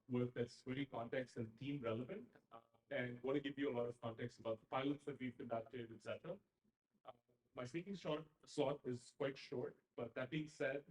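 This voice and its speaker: Male speaker from Dubai, hesitant presenter, mid pitch, echoey hall. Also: a little mellow. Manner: hesitant, many uh fillers. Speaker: conference speaker. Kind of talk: presentation talk. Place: event venue. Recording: roomy event hall.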